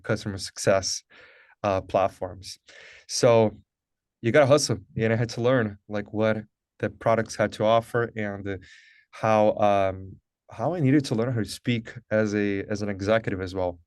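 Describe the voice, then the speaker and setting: This Brazilian man in his thirties, a native Portuguese speaker, is a guest on a video call talking about his career in a conversational interview or webinar, upbeat and earnest and heavy on "like" and "uh." His voice is on the low side, darkish yet clean, unhurried, with fairly even intonation, recorded dry at studio quality.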